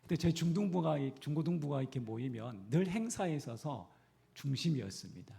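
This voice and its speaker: A man's voice: on the high side, animated, brisk, gravelly, warm tone. A male pastor from the Gyeongsang region, preaching a sermon in a church and putting questions to the congregation. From Gyeongsang region, Korea.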